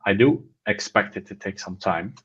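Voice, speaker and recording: Lower-voiced man in casual tech chat. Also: normal speed, fairly bright tone, slight background noise. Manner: enthusiastic, rambling with restarts. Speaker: podcast co-host. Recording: slightly dull lo-fi sound.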